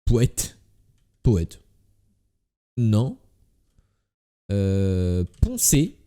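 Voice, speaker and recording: A man's voice: on the low side, wildly swooping pitch, drawn-out words, dark tone. A man with a slight lisp on his s sounds, doing casual live game commentary as a streamer and muttering repeated word guesses to himself.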